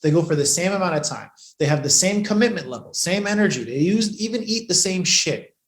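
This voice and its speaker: Man, business coach, swears a lot, punchy and emphatic, slightly high voice, echoey room. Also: expressive, fairly quick. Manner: profane, emphatic, shifts between loud and hushed. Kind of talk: live training session.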